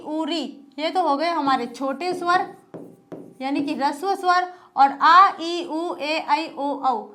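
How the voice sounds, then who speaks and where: A woman's voice: extremely high pitch, fairly bright tone. A woman teaching a Hindi grammar lesson, explaining step by step, asking questions and answering them herself, drawing out single vowel sounds, and checking in often with "ठीक है". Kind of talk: classroom lesson.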